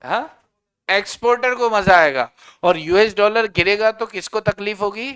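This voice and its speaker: A man's voice: sits high, measured pace, a bit bright, clean tone. A male economics teacher giving a conversational classroom lecture, putting questions to his students and answering them himself.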